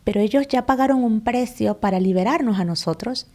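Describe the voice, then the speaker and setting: A woman's voice: fairly high pitch, fairly quick, a little mellow. A woman hosting a podcast, asking reflective questions in a thoughtful, slightly hesitant way. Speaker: podcast host. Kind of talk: conversational interview.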